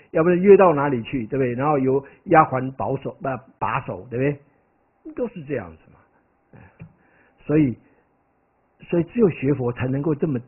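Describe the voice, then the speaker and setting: A man, a Buddhist monk, gives a conversational dharma lecture, often asking his listeners "right?" and wandering into stories. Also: medium pitch. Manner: animated, digressive storytelling. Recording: tinny, phone-like lo-fi recording.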